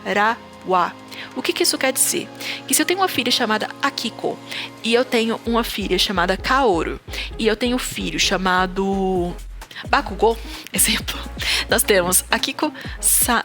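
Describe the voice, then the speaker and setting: A woman with a fairly high voice teaches an online language lesson, explaining things patiently. She spells out example sounds slowly and repeats them so they can be followed. Faint background music plays under her voice. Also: a bit bright.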